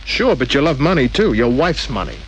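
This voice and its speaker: A man with a mid-range, sing-song voice, speaking fairly quickly over poor audio, plays a cool, shrewd private detective in an old-time radio drama. His delivery is wry, terse and tough-guy, confident and needling. Faint hiss runs through the old radio recording.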